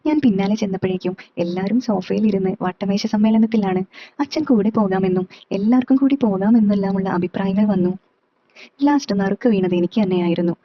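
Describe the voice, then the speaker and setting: A woman's voice: medium pitch, brisk, dry recording. Woman narrating a story, dry sound. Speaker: story reader. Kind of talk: first-person story narration. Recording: slightly dull, dry recording.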